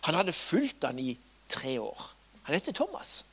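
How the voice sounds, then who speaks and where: Male preacher, storyteller; pitch sits a little high and leaps all over, loud cries then quiet asides. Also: huge pitch swings, slightly rough. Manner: storytelling, with dramatic swings between loud cries and soft asides. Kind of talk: sermon.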